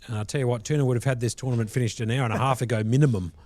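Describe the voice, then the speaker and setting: A man's voice: medium pitch, steady tone, rapid-fire, darkish tone, no echo. A man doing live play-by-play poker commentary in colloquial, slangy language. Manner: colloquial, slangy turns of phrase.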